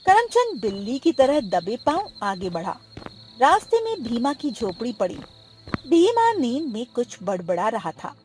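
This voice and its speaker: A woman narrating a cartoon moral story in a dramatic, expressive way. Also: on the high side, a little slow.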